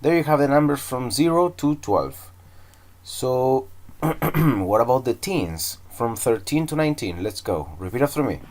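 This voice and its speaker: A man with a Chilean accent teaching a recorded English class, leading slow repeat-after-me drills and switching between English and Spanish. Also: medium pitch, animated, darkish tone.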